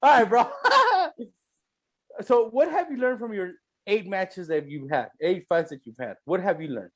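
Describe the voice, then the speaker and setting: High-pitched man with frat bro banter. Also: lively intonation, normal speed. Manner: frat bro slang, teasing, swearing freely. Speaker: show host. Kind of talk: casual chat.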